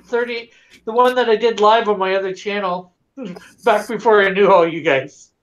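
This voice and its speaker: A man's voice: sits high, normal speed. Casting note: Canadian man, giggly casual stream chatter, slightly dull lo-fi mic sound. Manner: giggly, laughs often. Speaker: guest YouTuber. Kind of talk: casual live-stream chat.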